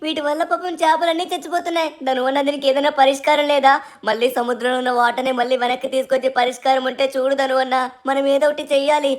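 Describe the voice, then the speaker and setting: A woman's voice: sits high, fairly even intonation, racing, close to an everyday voice. A woman voicing a cheeky little cartoon boy in a fan-dubbed game story, chatty and pleading. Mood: worried. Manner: pleading, chatty, calls the host big brother.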